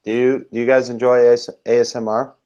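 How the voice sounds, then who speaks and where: A man's voice: mid-range voice, little pitch movement, fast, mellow, clear, resonant tone, lo-fi sound. A young man chatting as a guest on a casual hangout, rambling and hesitant with lots of fillers. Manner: rambling, hesitant, self-conscious.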